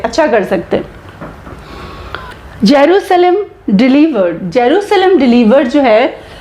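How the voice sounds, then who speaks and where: A woman teacher giving an exam-prep lecture, switching between Hindi and English, slowing down for English terms and often checking in with "okay" and quiz questions. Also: high-pitched, darkish tone, echoey room. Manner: mixes Hindi and English, slow deliberate English phrases.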